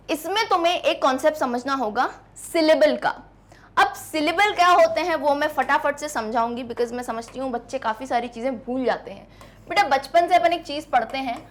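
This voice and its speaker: A high-pitched woman teacher explains grammar to schoolchildren. She talks patiently and warmly to her students, repeating words slowly to sound them out.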